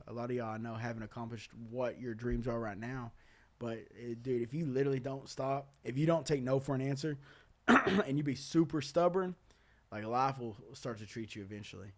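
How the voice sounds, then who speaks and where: Young male host, candid casual storyteller. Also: medium pitch. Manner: earnest, candid, loose talk full of "uh", "man", "dude". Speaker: podcast host.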